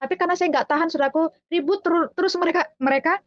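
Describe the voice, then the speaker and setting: A woman's voice: very high voice, steady tone, dry recording, muffled recording. A woman from Java telling her personal faith testimony in a chatty way, speaking to listeners as dear brothers and sisters and acting out the voices of the people in her story. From Java, Indonesia. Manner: acts out quoted voices, sings hymn lines slowly.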